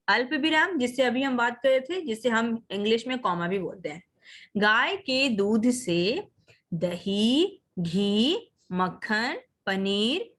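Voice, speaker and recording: Woman teacher leading a video-call class for young kids; high, patient voice, coaxing pupils by name. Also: a bit bright. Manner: slow, drawn-out reading of example sentences; coaxing, addresses children as beta. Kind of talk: online class lesson.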